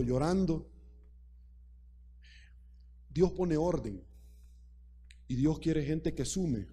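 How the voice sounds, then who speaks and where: A man's voice: fairly high pitch, mellow, slight background noise. A man preaching a sermon, speaking emphatically and repeating key phrases while addressing the congregation directly.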